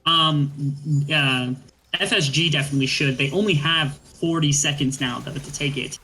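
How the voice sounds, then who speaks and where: A man's voice: fairly high pitch, normal speed, sharp tone, rough recording. A man giving color commentary on an esports match, breaking down plays analytically with frequent ums and uhs.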